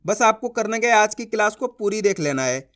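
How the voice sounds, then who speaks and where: A man's voice: high voice, lively intonation, a bit bright. A man teaching Hindi reading, sounding out syllables one by one and stretching them, often asking the viewer whether it makes sense. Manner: drawn-out, stressed syllables when sounding out words; repeats rhetorical questions to the viewer. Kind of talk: step-by-step reading lesson.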